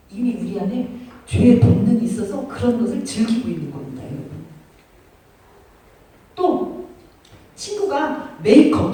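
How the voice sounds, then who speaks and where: A woman teacher giving a sermon to children in church, telling the story in an animated way and speaking straight to the kids. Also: a little high. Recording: very echoey room, mic far off.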